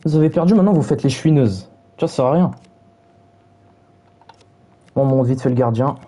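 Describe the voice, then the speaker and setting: Young man streamer, mocking and brash, very dark mellow voice, husky. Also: medium pitch, normal speed. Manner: mocking, taunting chat, brash slang. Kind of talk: casual stream chat.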